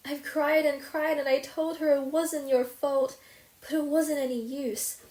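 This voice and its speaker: A woman's voice: a little high, measured pace, a little mellow, pitched above the performer's own voice. Woman doing a mournful, plain-spoken girl. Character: sad, practical young girl friend. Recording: roomy echo.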